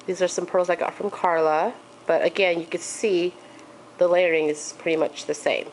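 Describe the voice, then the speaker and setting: In this casual craft tutorial, a woman with allergy congestion chats her way through a handmade project, peppering it with frequent ums and okays. She speaks at a moderate pace in a lowish voice, and the audio is poor, with faint hiss underneath.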